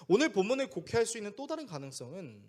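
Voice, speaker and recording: A man's voice: big pitch swings, very fast. A man preaching a sermon as pastor, speaking conversationally and asking the congregation questions. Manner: acts out quoted voices with big pitch swings.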